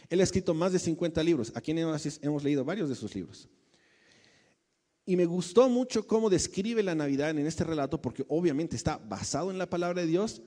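A man's voice: a little high, dark tone, long reverb tail. A man preaching a sermon as pastor, speaking conversationally and putting questions to his congregation.

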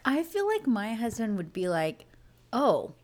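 A woman in her thirties co-hosting a casual chat, telling stories in an animated, giggly way. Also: on the high side, normal speed. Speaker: podcast co-host.

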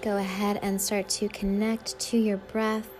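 A woman's voice: medium pitch, level tone, unhurried. A woman leading a guided meditation in a soothing, hypnotic way, with lulling, repetitive phrasing. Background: faint music.

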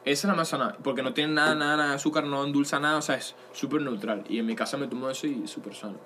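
A young man co-hosting a casual podcast chat, telling animated stories, laughing often and calling his friends bro. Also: medium pitch, rapid-fire, slight background noise. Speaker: podcast co-host.

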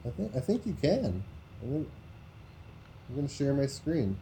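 A man's voice: medium pitch, very animated, moderate pace, vocal fry, dark tone, slight background noise. A man co-hosting a podcast over a video call, giving dry, brief answers. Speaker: podcast co-host. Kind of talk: casual chat over a call.

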